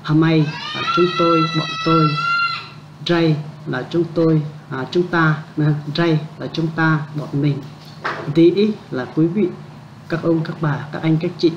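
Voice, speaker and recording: A man teaching a casual language lesson. He patiently repeats words slowly and keeps checking that listeners understand. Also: fairly high pitch. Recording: dull lo-fi with faint background noise.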